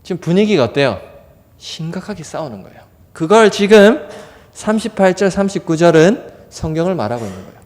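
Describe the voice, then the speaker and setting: A man preaching a revival sermon in a church, animated and acting out crowd voices. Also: sits high, a little fast. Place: church sanctuary. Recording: long hall reverb.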